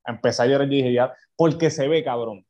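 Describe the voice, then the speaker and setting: A man's voice: mid-range voice, fairly quick, dark tone. A man with a Puerto Rican accent co-hosting a casual podcast, swearing constantly and talking emotionally. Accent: Puerto Rican Spanish. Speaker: podcast co-host. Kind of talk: casual chat. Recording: slightly dull lo-fi audio.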